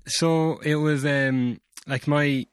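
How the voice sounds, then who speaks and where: A man's voice: fairly high pitch, fairly even intonation, takes it slowly, smooth, no echo. Young West of Ireland man, dry close sound. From County Mayo, Ireland. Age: young adult. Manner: rambling, informal, peppered with 'like' and 'you know'. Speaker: guest, bass player. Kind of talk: casual chat.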